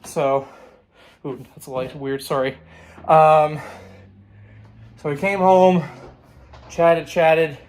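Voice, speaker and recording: A man's voice: fairly high pitch, level tone, takes it slowly, pauses often. A young man talking candidly in a casual vlog, rambling and swearing now and then. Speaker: vlogger.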